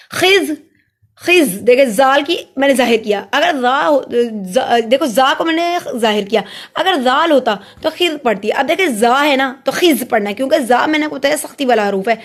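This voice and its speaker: Woman, high voice, patient tajweed teacher, slow drawn-out demonstrations. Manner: slow, drawn-out demonstration of each word, then explanation. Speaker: Quran recitation teacher. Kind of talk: step-by-step tajweed lesson.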